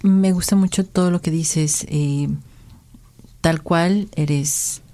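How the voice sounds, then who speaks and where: Female host, low and mellow voice, asks rambling questions with fillers. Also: fairly even intonation, takes it slowly. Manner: long, winding questions with filler sounds. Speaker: interview host. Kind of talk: interview questions.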